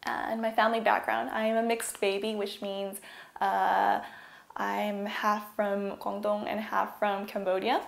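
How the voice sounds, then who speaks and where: A young woman from California talks through a presentation in a loose, casual way, filling pauses with "um" and "like". Her voice sits at an ordinary middle pitch. It bounces around an echoey room. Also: level tone, vocal fry. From California, USA. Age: young adult. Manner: casual, uses "like" and "um" often. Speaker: university student. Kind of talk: presentation talk.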